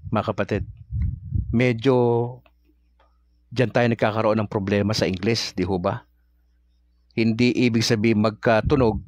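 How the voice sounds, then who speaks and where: A man's voice: medium pitch, a little mellow, dry recording. A Filipino man teaching religion in a casual, conversational way, often asking his audience questions. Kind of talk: casual talk-style teaching.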